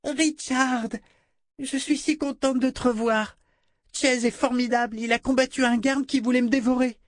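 A man's voice: fairly even intonation, moderate pace, no room sound. A man voicing a small, chatty little girl who adores her rescuer, in an audiobook reading. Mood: eager. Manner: high, eager childlike chatter.

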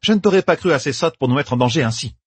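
Man doing a small imperious sister, cold, scolding, raised voice, breathy. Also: a little high, expressive, brisk, no echo, pitched above the performer's own voice. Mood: contemptuous. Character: small, imperious older woman sister, quick to anger.

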